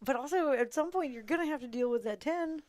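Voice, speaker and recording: A woman co-commentating a pool match live, bubbly and quick to laugh, reading out viewers' names from the chat. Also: sits high, darkish tone, dry recording.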